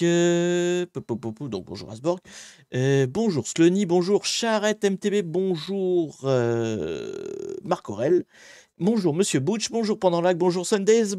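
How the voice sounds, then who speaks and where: A man hosting a casual live hacking stream from a home green-screen setup, lively and joking as he greets viewers one by one on a desk microphone. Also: on the high side, no room sound, studio quality.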